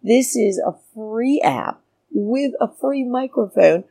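A woman's voice: on the high side, expressive, slow, creaky, mellow, breathy edge. A middle-aged British woman hosting a chatty comedy podcast with a flirtatious, theatrical femme fatale drawl and cheeky, crude teasing. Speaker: podcast host.

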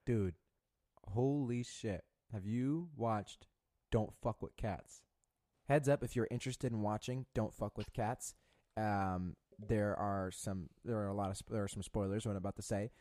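A young man co-hosting a podcast tells a story in casual chat, rambling, swearing and restarting often. His voice sits on the low side with a dark tone, and he speaks a little slowly.

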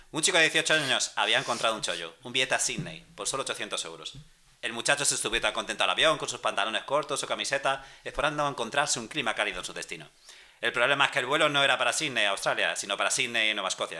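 Bright-voiced man telling funny news. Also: medium pitch. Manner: storytelling, joking asides. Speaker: podcast co-host presenting news items. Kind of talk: casual group chat.

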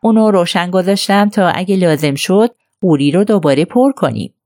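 A woman's voice: lowish voice, a little mellow, no room sound, clean studio sound, close to an everyday voice. A woman voicing a cheerful, bustling middle-aged nurse who talks in a chirpy, coaxing way.

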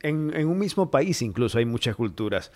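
A man's voice: medium pitch, very animated, normal speed. A man from Ecuador, hosting a podcast in a conversational tone and reading out listener comments. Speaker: podcast host. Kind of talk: casual interview talk.

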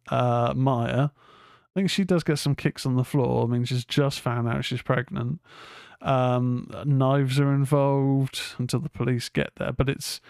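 Guy rambling through a film review, gravelly voice, dry close sound. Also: mid-range voice, a little mellow, no room sound. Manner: chatty, rambling, swears freely, many fillers. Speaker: film review podcast host. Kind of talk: casual film review chat.

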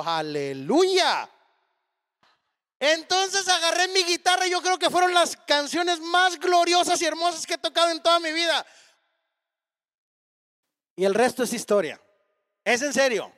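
A man in his thirties, a pastor telling a personal story in a sermon and acting out the dialogue with lively energy. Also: very high voice. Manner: animated, acts out dialogue in the story. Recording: hall reverb.

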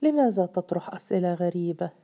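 A woman reading the part of an elderly, pious mother who answers plainly and calmly in a storybook tale. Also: on the low side, fast talker. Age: older. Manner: plain, matter-of-fact. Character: old widowed mother, calm and pious.

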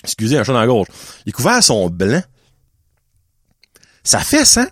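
Lively chatty podcast host. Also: male voice, mid-range voice, measured pace, no room sound, studio quality. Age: 30s. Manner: chatty, mixes English words into French, playful. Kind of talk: casual solo podcast chat.

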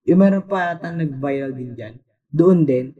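A young man from the Philippines in casual chat, animated and chatty, often trailing off mid-thought. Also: on the high side, normal speed. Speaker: podcast co-host. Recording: dull lo-fi echoey sound.

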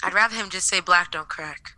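A woman's voice: fairly low pitch, fairly quick, bright, forceful tone, no room sound. A woman co-hosting a podcast, chatting casually with wry, blunt asides about TV episodes. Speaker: podcast co-host. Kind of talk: casual chat recapping TV episodes.

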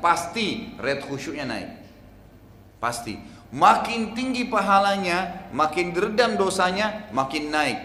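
A man preaching an Islamic sermon in a fairly high voice. He tells stories, asks rhetorical questions, and swings from hushed to loud. The sound rings with a long echo in a large hall, with faint ambience behind. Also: slight background noise.

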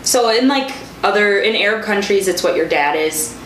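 A woman's voice: medium pitch, lively intonation, normal speed, a bit bright. A woman in her twenties from Kuwait, a microbiologist, chatting casually as an interview guest and laughing easily. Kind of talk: casual conversation. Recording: roomy echo, faint background noise.

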